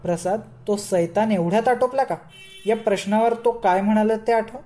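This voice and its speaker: Steady older man, shrewd, firm, level-headed, read by a woman, mellow voice. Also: mid-range voice, moderate pace, faint music behind, natural voice. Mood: explaining. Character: shrewd, calm older man, devoted disciple.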